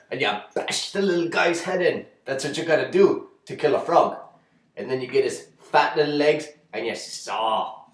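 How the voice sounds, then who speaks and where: Man, mid-pitched voice, folksy rambling deadpan comedy, echoey recording. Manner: rambling folksy delivery with many fillers and restarts. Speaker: comedic vlogger. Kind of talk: deadpan comedic how-to monologue. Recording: echoey roomy sound.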